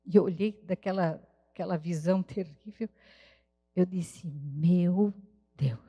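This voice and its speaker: A missionary woman gives an earnest, heartfelt sermon testimony with prayerful pauses at a church service. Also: fairly low pitch, steady tone, warm tone, husky, highs cut off. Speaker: missionary preacher. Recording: reverberant church hall.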